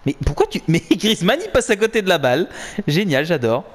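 Young man, gaming commentator, animated, cheering and cursing, lively pitch. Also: fairly quick. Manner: animated, swearing, cheering and groaning at the match. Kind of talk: excited live football game commentary.

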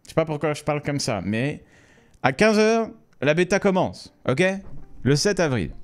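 A man's voice: a little high, clear, resonant tone. A man streaming live, chatting casually and jokingly with his viewers. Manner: chatty, joking, addresses viewers as ladies and gentlemen.

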